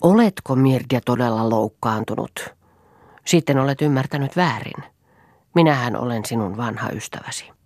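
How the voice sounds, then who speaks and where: A woman's voice: extremely low pitch, expressive, darkish tone, dry recording, studio quality. A woman reading as an impassioned pleading man. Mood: needling. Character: passionate man pleading with an old friend.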